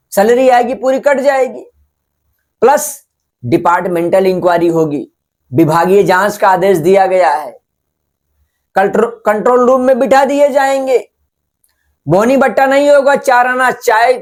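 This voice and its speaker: A man giving spoken opinion commentary as a channel host, scolding and rhetorical, repeating phrases for emphasis. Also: sits high.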